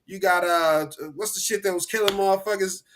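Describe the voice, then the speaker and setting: A hustling snake oil salesman, put on by a man hawking cure-alls in a high, pushy carnival barker's patter. The voice jumps well above his normal talk and rattles off deals fast. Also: steady tone, a bit bright, slight background noise. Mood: hyped pitch.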